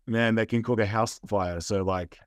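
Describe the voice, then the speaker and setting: This casual-interview guest is a young adult Australian man with a lowish voice, fairly even intonation and normal speed, recorded dry. He's laid-back and rambling, sprinkling in lots of fillers.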